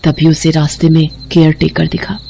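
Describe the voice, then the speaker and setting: A woman's voice: low voice, moderate pace, gravelly, slight background noise. Woman narrating a cartoon horror tale. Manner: steady, dramatic storytelling. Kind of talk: scripted storytelling narration.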